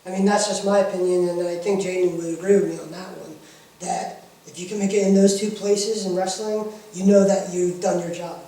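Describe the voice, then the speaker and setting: Male interview guest, emphatic and repetitive, soft-edged tone, distant mic with strong room echo. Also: high-pitched, level tone, brisk. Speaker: wrestling insider, interview guest. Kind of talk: casual interview chat. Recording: echoey room, distant microphone.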